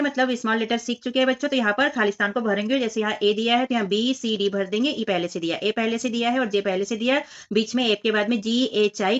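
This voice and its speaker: Female teacher, patient step-by-step children's lesson, slightly high voice, muffled recording. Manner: patient, explains step by step, addresses children as 'बच्चों' and 'बेटा'. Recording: dull lo-fi voice recording.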